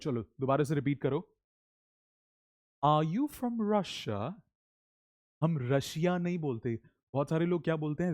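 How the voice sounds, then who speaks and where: A man teaching English in Hindi, leading slow, animated repeat-after-me drills. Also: medium pitch, dry recording. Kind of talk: spoken English lesson in Hindi.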